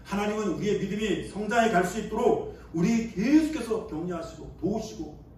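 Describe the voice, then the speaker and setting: A man's voice: sits high, lively intonation, brisk, a little mellow, distant mic, slight background noise. A male pastor delivering a sermon, preaching emphatically and asking the congregation rhetorical questions. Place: church sanctuary. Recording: echoey church sanctuary, voice from off-mic.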